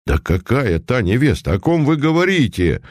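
A man's voice: mid-range voice, big pitch swings, moderate pace, no room sound, studio quality, voice pushed up. A man voicing a ringing young hussar officer. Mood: bewildered. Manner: loud, ringing, confident. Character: cheerful young male hussar officer, bewildered.

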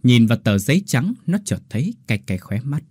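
Dark husky male horror narrator. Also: medium pitch, big pitch swings, a little fast, dry recording. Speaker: storyteller.

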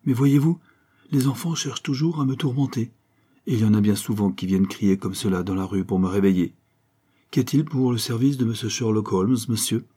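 A man reading an audiobook voices a tall, grumpy old animal-stuffer who shouts threats from a window, then chatters fussily to his guest. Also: lowish voice, fairly even intonation, a little fast, husky. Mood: fussy welcoming.

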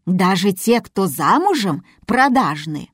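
A woman reading aloud as a snide, scolding old woman who speaks slowly. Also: medium pitch, big pitch swings, slightly rough, dry recording, clean studio sound, exaggerated voice.

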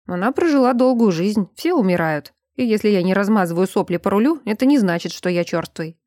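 A woman voicing a gruff, blunt bear-shifter man who grumbles curtly, in an audiobook. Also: mid-range voice, lively intonation, a little fast, darkish tone, no echo, studio quality, lightly acted. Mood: irritated. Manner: curt, grumbling.

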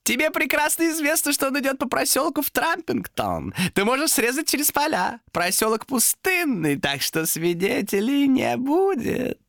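A man voicing a cruel male demon trapped in a carved figurine, hoarse and mocking, in an audiobook horror tale. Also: very high voice, sing-song, moderate pace, few pauses, fairly bright tone, no echo, studio quality, voice pushed up, heavily acted. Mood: persuasive. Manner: taunting, cackling, wheedling.

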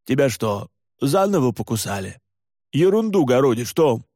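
A man's voice: medium pitch, big pitch swings, normal speed, warm tone, dry recording, clean studio sound. A man voicing a stern older male head doctor who speaks curtly and with irritation. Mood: irritated. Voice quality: gruff, curt. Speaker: head physician.

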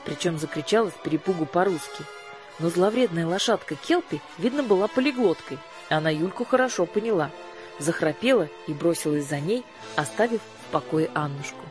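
A woman narrating an audiobook in a lowish voice, measured and expressive, pacing the story with care. Faint music plays softly behind her reading.

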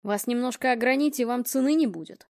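A woman's voice: a little high, brisk, gravelly, dry recording, studio quality. A woman voicing an elderly male investigator, wry and fatherly in tone. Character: old male retired investigator, wry and kind.

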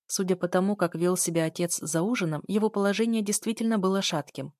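A woman's voice: mid-range voice, fast, a little mellow, dry recording, studio quality. Woman reading a first-person story. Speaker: audiobook narrator. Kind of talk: first-person scripted narration.

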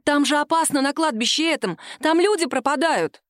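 A woman's voice: high voice, moderate pace, no room sound, clean studio sound, pitched above the performer's own voice, lightly acted. A woman voicing a spirited, determined young woman who speaks in raised, insistent questions, in an audiobook. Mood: alarmed.

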